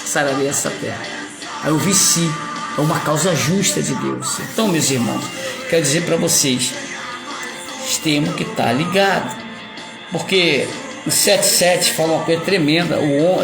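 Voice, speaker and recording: In an echoey room with music in the background, a man from Rio speaks in Carioca Portuguese, his voice a little high and creaky. His sermon rambles, stays emphatic and slips in playful asides.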